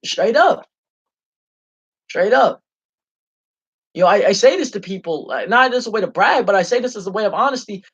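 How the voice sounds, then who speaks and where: Ranting on his own livestream, a young man sounds passionate, heated, and full of profanity, speaking off the cuff. His expressive voice sits high with a fairly bright tone and a breathy edge, and he moves at normal speed while pausing often. The lo-fi stream sound is dull.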